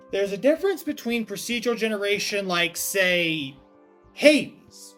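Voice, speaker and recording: High-pitched, animated male game streamer. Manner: sweary, exclamatory. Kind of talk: live game commentary. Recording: faint game music behind.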